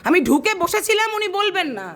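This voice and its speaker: Brief: a woman making a complaint at a police station, very fast, sharp-toned, insistent. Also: very high voice, big pitch swings. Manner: insistent, indignant, rapid-fire questioning. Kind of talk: heated argument recorded on her own phone. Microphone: her own phone, held close.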